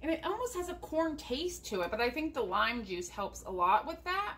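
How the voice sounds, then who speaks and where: An American woman with a high, very animated voice chats casually while walking viewers through a cooking demonstration in her home kitchen. She speaks at a moderate pace with a slightly bright tone, talking through each step. The audio comes from a camera mounted above the counter.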